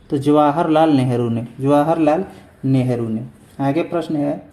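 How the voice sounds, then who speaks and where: A man's voice: fairly high pitch, dark tone, roomy sound. A man giving an exam revision lesson, reading each question aloud and saying every answer twice. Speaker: teacher.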